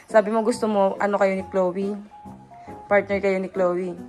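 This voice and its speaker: A woman's voice: mid-range voice, normal speed, soft background music. A young woman from the Philippines vlogging casually from a messy bedroom, her voice worn out from tiredness, teasing and laughing a lot. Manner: excitable, laughs and teases a lot. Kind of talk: casual vlog chat.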